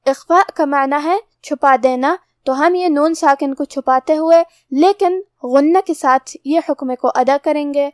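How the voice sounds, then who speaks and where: A woman with a high, light voice explains recitation rules step by step as a teacher. Her delivery is measured and methodical, and the sound is close and dry with no room echo. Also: darkish tone.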